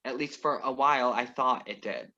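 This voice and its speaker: Over muffled video-call audio, a man with a sharp, medium-pitched voice performs a staged reading as a cool, wry ex who disrupts a wedding. His delivery is measured, wry, and earnest throughout.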